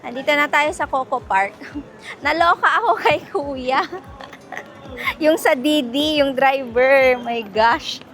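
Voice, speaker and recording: A woman's voice: sits high, slow. A Filipino woman vlogging casually while she walks through a mall, chatty and laughing often as she mixes Tagalog and English. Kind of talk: casual travel vlog. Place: shopping mall. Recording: loud music playing over voice. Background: background music.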